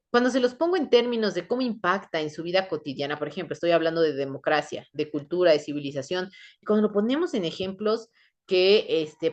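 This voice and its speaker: A woman teaching a class in a conversational way, often checking in with her listeners. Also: mid-range voice. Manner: conversational, frequent tag questions, acts out quoted voices. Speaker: instructor. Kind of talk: online class lecture.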